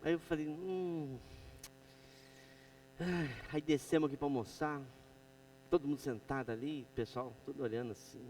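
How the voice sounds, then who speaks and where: A middle-aged Brazilian man with a Brazilian Portuguese accent preaching a sermon, moving between loud exhortation and quiet storytelling. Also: fairly high pitch, steady tone, normal speed, pauses often, far from the mic, slight background noise, poor audio.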